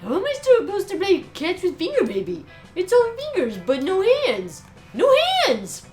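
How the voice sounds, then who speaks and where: A woman's voice: mid-range voice, sing-song, moderate pace, a little mellow, soft background music. A woman voicing a dim, eager young male jock with an earnest, simple manner in a tabletop game. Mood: upset. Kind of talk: in-character tabletop game role-play.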